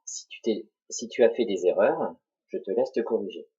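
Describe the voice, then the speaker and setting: A man teaching a dictation lesson, slowly spelling out syllables for children to repeat and write. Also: fairly low pitch, mellow, breathy edge. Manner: slow, deliberate, spells out syllables. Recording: dull lo-fi recording.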